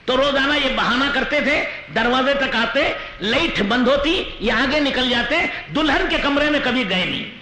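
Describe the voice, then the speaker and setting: A male Islamic preacher telling a story in a sermon, animated, with chuckling asides. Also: very high voice, few pauses. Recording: roomy echo with faint noise.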